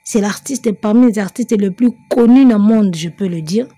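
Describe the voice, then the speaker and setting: A woman's voice: mid-range voice, normal speed, dark tone, husky, dry recording. A woman, giving chatty, emphatic music commentary. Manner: mixes French and Lingala, chatty and emphatic, breaks into song. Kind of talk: casual spoken commentary.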